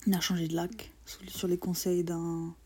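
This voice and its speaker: A woman's voice: fairly low pitch, level tone, normal speed, darkish tone, husky. A young woman co-hosting a travel podcast, telling the trip with teasing, sarcastic banter. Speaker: podcast co-host. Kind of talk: casual travel chat.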